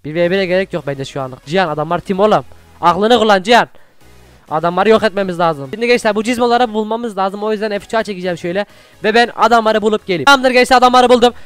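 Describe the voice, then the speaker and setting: A young man doing gameplay commentary, chatting with viewers and shouting excitedly during fights. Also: high-pitched, rapid-fire, clear, resonant tone, dry recording, faint music behind. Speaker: gaming YouTuber.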